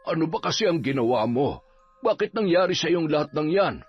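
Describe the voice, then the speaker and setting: A man plays a nagging, joking village healer, his husky voice pitched a little high. The mix is dull and lo-fi, with faint music behind. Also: lively intonation, brisk. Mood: scolding. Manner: gruff, nagging, comic. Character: grumbling, teasing middle-aged male village folk healer. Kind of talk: Filipino audio drama acting.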